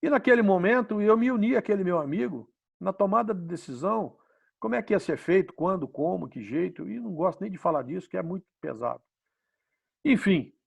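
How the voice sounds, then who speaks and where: A man's voice: high-pitched, animated, fast talker, creaky, husky. Brazilian man giving a dramatic testimony. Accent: Brazilian Portuguese. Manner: dramatic swings between loud urgency and hushed tones; asks the audience questions. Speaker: testimony speaker.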